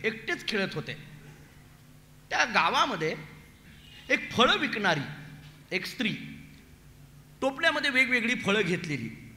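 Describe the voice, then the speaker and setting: A man telling a devotional story as a kirtan preacher, animated and acting out the voices of the story's figures, with a Marathi accent. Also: high voice. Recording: echoey hall with long reverb.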